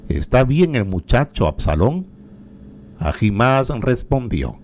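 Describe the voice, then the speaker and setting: A man reading scripture aloud in a slow, solemn way, lifting his voice for the quoted cries. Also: medium pitch, dark tone. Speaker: liturgical reader.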